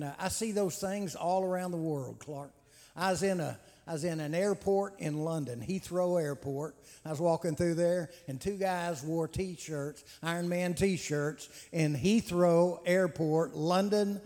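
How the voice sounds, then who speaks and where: A man's voice: a little high, a little slow, a little mellow. A man hosting a church men's conference, talking in a folksy way with lots of "uh" fillers and repeated words. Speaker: conference host. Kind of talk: conference announcements and testimony. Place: large hall with long reverb. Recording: reverberant hall sound.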